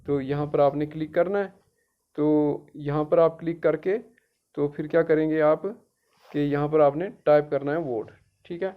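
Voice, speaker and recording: A middle-aged male teacher from Jammu and Kashmir, his voice a little high and his tone level at normal speed, leads a screen-guided tutorial step by step. He is patient and repetitive, checking in with his students after each step with "theek hai." The recording is dull and lo-fi.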